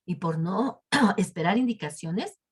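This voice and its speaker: A woman's voice: mid-range voice, animated, unhurried, slightly rough. A woman telling a Bible story to children, animatedly addressing them directly.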